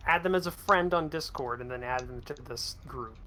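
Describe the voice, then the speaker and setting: A man's voice: mid-range voice, a little fast, pushed and bright, slight background noise. A man as game master in a voice call, explaining things in a rambling, self-correcting way. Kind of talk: casual game chat. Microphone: voice call microphone.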